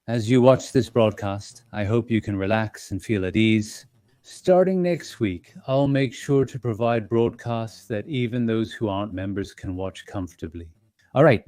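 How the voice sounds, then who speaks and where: A medium-pitched man, recorded with no echo, hosts an investing channel and chats casually on a live stream to his members. He sounds gentle, reassuring and slightly apologetic, dropping small fillers as he thinks aloud.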